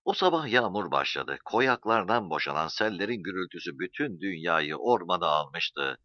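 A man narrating a story as an audiobook reader, in an expressive storytelling manner. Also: low voice, normal speed, dry recording. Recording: dull dry recording.

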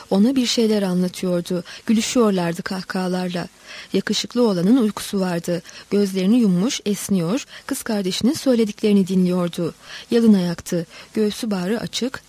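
Mellow, husky woman reading a story. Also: mid-range voice. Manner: steady, dramatic literary narration. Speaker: narrator.

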